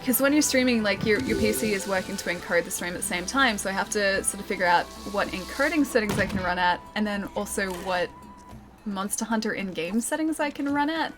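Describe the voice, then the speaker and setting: A woman's voice: mid-range voice, expressive, brisk. A woman livestreaming a game and chatting casually with viewers, articulating a little carefully around the retainer trays in her mouth. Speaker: live game streamer. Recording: music playing behind the voice. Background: background music.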